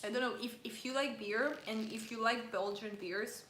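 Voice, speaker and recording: A woman's voice: a little high, steady tone, normal speed, fairly bright tone, slight background noise. Chatty woman vlogger in a roomy space. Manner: chatty, reads viewer comments aloud. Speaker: vlogger hosting a live stream. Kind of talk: casual live-stream chat while eating.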